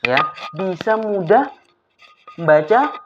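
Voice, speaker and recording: Lively woman teaching children Arabic. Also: medium pitch, takes it slowly. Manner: lively, coaxing questions to pupils. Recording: slightly dull lo-fi with faint noise.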